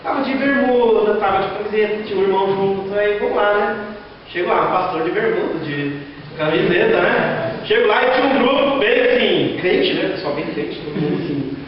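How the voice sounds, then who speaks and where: High-voiced Brazilian pastor in echoing hall. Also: male voice, lively intonation, a little fast, slight background noise. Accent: Brazilian Portuguese. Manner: storytelling, acting out quoted voices, rhetorical questions. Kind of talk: sermon. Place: large echoey church hall. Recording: echoey hall from far off, dull sound.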